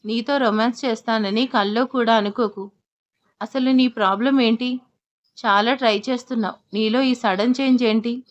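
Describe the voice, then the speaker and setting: A sharp-tongued young wife in a storybook drama, voiced by a woman narrator. She speaks firmly and quickly, with a fairly high voice on a dull, lo-fi recording. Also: steady tone, close to an everyday voice. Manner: firm and quick, scolding.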